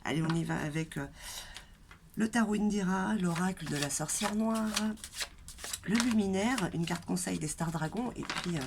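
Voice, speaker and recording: This channel host reads tarot for viewers in a casual, chatty but hesitant way, speaking directly to them. Her creaky voice sits on the low side at a moderate pace, nasal and congested from a blocked throat, and she keeps coughing and clearing it. She's outdoors in a light wind, and the recording is noisy with it.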